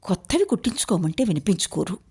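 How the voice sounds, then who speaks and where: A woman's voice: lowish voice, sing-song, fast talker, warm tone, breathy edge, full character voice. A woman reading a story aloud, voicing a grumbling, caring older village wife. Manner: grumbling, nagging.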